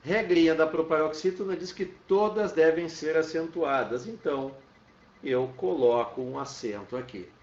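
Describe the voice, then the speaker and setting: A man's voice: a little high, moderate pace, a little mellow, recorded from a distance. A man teaching a lesson, explaining step by step and checking in with his students. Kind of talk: classroom lecture. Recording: roomy, dull sound from off-mic.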